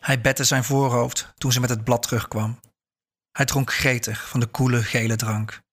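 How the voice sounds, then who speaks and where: Man reading a story calmly. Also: medium pitch, moderate pace. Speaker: narrator. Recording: faint background music.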